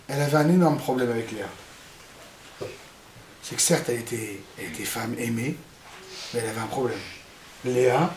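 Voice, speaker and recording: A man from Morocco, a rabbi giving a lively, joking religious lesson, recorded in a roomy space from a distance. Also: mid-range voice, a little hiss or hum. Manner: lively, joking, talks to the audience.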